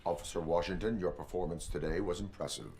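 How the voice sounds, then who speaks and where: RoboCop, a deep stoic cyborg cop. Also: male voice, slight background noise. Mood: stoic, controlled. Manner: measured, terse, formal, deadpan. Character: RoboCop, stoic armored cyborg police officer, middle-aged man. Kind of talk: video game voice acting.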